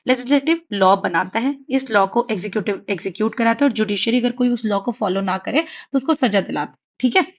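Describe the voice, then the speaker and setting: Young woman, exam prep teacher, high-ish voice, chatty, reassuring, slightly dull recording. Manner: chatty, reassuring, asks "theek hai?" often. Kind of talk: online lecture in Hindi-English mix. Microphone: writing on a tablet while teaching.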